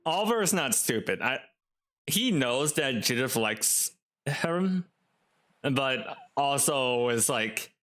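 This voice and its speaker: A man's voice: mid-range voice, very animated, slow pace, a bit bright. Musing man commenting on a game. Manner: musing, hesitant, many fillers. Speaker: streamer.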